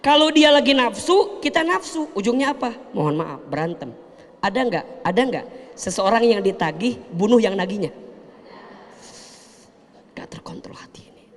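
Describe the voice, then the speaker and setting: A man preaching a sermon, animated and playful, acting out little scenes in comic voices. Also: extremely high pitch, normal speed, in a large hall. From Indonesia.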